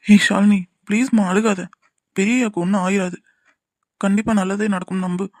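A man's voice: sits high, steady tone, moderate pace, dry recording, studio quality. A man voicing a young man in a cartoon drama who earnestly pleads with and comforts the family. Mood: comforting.

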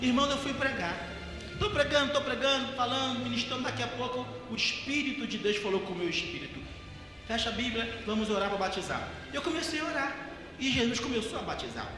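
A man, a pastor telling stories in a sermon and building to fervent shouted preaching. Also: very high-pitched, animated, brisk. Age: 30s. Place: church hall. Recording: echoey church hall with music. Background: music playing.

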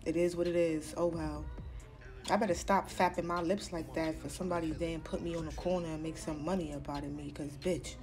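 A woman's voice: low voice, steady tone, brisk. A young woman chatting casually to her vlog, slangy, playful and blunt. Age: young adult. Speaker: vlogger. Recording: music laid under the voice.

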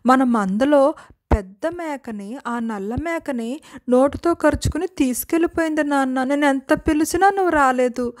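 A woman voicing a mischievous young village boy who herds goats, in a high childish voice, for a storybook tale. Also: normal speed, natural voice. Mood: crying.

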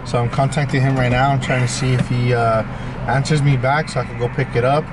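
A young man talking casually about his fish, relaxed and matter-of-fact, with fillers. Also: medium pitch, a little fast, background noise. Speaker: fish-keeping vlogger. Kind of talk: casual chat.

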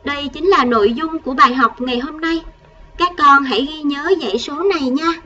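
High-voiced woman teaching children to count. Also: far from the mic, muffled recording. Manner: patient, slow counting, coaxing children with gentle prompts. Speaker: primary school math teacher. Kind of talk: recorded math lesson for first graders.

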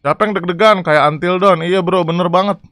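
A young man casually commentating a horror game live, chatty and excitable, reading chat and yelling at scares. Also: high-pitched, a little fast, no echo, studio quality. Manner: excitable, chatty, reacts loudly to scares and reads chat aloud. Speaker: gaming streamer.

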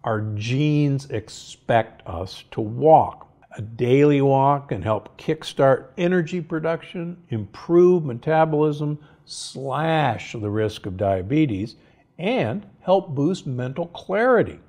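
A man's voice: mid-range voice, takes it slowly. An older man hosting a podcast, reading health advice from cue cards in a studio with a lapel mic. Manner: lively, upbeat, reads from cue cards. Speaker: podcast host and doctor. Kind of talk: scripted health advice monologue. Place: studio set with armchair and bookshelf.

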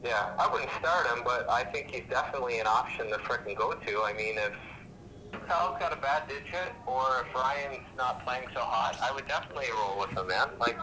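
A man's voice: medium pitch, a little fast, a crowd in the background, low-quality recording. A man, an assistant volleyball coach, talking casually and upbeat in slangy words over a speakerphone call. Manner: laid-back, slangy, upbeat. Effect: heard over a speakerphone call. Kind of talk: casual phone chat.

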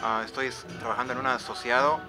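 A man in his twenties talks quickly and eagerly to the camera about his studies and his sponsor. Guitar music plays beneath him. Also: medium pitch, fairly even intonation. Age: 20s. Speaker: scholarship student. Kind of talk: to-camera testimonial.

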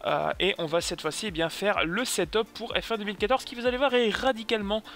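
A man's voice: high voice, quick pace, a bit bright. A man from France giving a casual sim racing tutorial voice-over, hesitant and full of fillers. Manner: hesitant, many fillers, chatty.

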